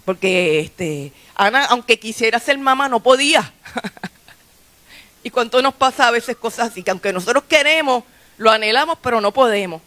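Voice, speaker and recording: A woman's voice: fairly high pitch, lively intonation, normal speed, a bit bright. A woman pastor, preaching a sermon in a chatty, conversational way, often restarting her phrases. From Puerto Rico. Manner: conversational preaching with frequent restarts and light laughs. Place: church sanctuary.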